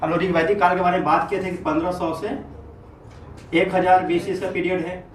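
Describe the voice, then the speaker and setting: A man's voice: sits high, flat delivery. A man teaching a history class, repeating key terms and often checking whether his students follow. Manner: keeps checking understanding with quick questions. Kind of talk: classroom lecture. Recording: echoey room, mic at a distance, faint noise.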